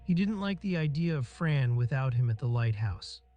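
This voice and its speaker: A man reading an audiobook in steady, measured scripted narration. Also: mid-range voice, muffled recording, faint music behind.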